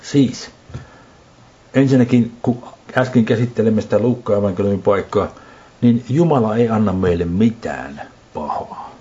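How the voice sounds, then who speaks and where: A middle-aged man preaching a sermon, teaching slowly and deliberately with repeated lists. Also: lowish voice, mellow, breathy edge. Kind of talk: sermon teaching on speaking in tongues. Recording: muffled lo-fi recording.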